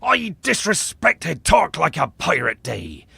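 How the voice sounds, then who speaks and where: A roaring growly pirate patient. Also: male voice, on the high side, wildly swooping pitch, slow, creaky, pushed and bright, slightly rough, no echo, exaggerated voice. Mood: blustering pirate. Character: boisterous male patient talking like a pirate. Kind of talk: comedy sketch acting.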